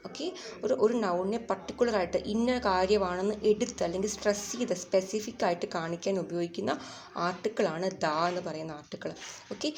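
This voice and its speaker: A woman's voice: medium pitch, darkish tone, slight background noise. Malayali woman teaching grammar patiently. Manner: explains patiently, repeats English examples slowly, checks understanding. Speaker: exam coaching teacher. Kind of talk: grammar lesson mixing Malayalam and English.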